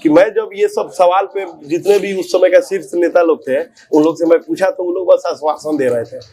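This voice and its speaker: A man's voice: high voice, moderate pace, dark tone. A man from Bihar, a politician talking in an earnest, speechlike way and repeating his key phrases in a casual interview. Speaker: politician on a walking campaign.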